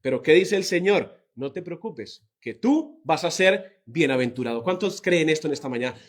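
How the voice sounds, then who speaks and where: Man, pastor, sermon, high-pitched, questions to the congregation, drawn-out words. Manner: lively, stretching out key words.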